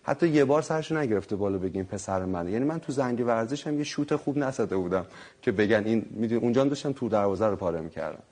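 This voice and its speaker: Man in his thirties telling stories. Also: mid-range voice. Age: 30s. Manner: lively, self-mocking, laughs often. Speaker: guest. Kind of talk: casual storytelling.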